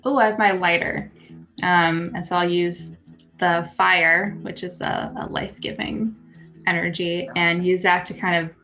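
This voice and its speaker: A woman's voice: lowish voice, fairly even intonation, measured pace, gravelly, bright, forceful tone, soft background music, rough recording. A woman playing in a tabletop game, speaking hesitantly with many fillers. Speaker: player. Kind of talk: casual tabletop play.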